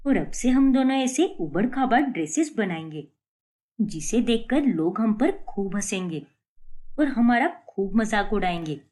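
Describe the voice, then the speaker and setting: A woman's voice: medium pitch, a little mellow, close to an everyday voice. A woman voicing a young daughter-in-law in a cartoon story who schemes and defies her mother-in-law. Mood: scheming. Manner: complaining, defiant.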